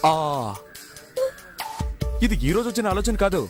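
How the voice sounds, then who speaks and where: A man's voice: high voice, steady tone, a little slow, over music. An actor playing a wily young man jailed as a fraud in a comic film scene, cheeky and mocking. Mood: menacing.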